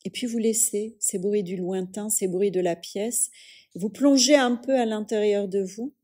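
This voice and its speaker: This is a woman teacher guiding yoga nidra relaxation, speaking calmly and soothingly at a medium pitch with a husky quality. She uses measured phrases and long pauses.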